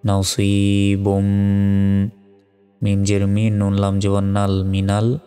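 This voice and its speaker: A man teaching Quran reading, spelling out each word slowly and evenly, then reciting it in long drawn-out tones. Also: lowish voice, clear, resonant tone, big-room sound, faint music behind. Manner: slow, even spelling drills, with drawn-out recitation.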